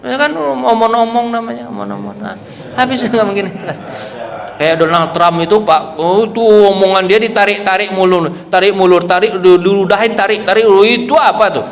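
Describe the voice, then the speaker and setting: A man's voice: high-pitched, a little fast, vocal fry. A man preaching to a mosque study circle, telling stories and quizzing his listeners with questions in a manner. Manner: storytelling, quizzing the audience with questions. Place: mosque hall. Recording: long hall reverb.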